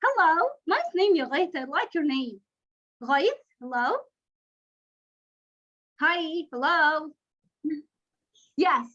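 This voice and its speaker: A woman who speaks natively teaches a kindergarten class over a video call, her voice pitched very high and her delivery unhurried. She praises and coaxes in a sing-song manner. The lo-fi call audio sounds dull. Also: lively intonation, a bit bright.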